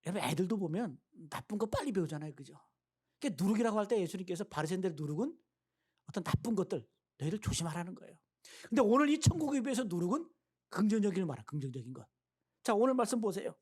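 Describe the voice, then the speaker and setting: A middle-aged man preaching a sermon as a pastor in a church, emphatic, questioning the congregation and rising, then dropping low. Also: big pitch swings, fast talker, a little mellow, breathy edge. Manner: voices prayers and quoted speech. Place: church sanctuary.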